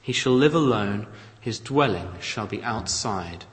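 A man preaching an expository sermon, reading scripture aloud with measured, dramatic emphasis. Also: on the low side, expressive. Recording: long reverb of a large hall.

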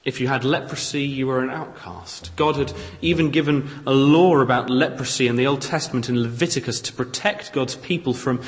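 A man preaching an expository sermon, reading scripture aloud with measured, dramatic emphasis. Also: medium pitch, fairly even intonation. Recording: long reverb of a large hall.

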